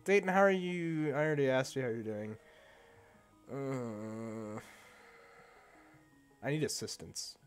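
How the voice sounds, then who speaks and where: A man's voice: medium pitch, takes it slowly, long pauses, faint music behind. A man streaming a game while sick, groaning and poking fun at himself in casual chat. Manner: groaning, self-mocking complaints.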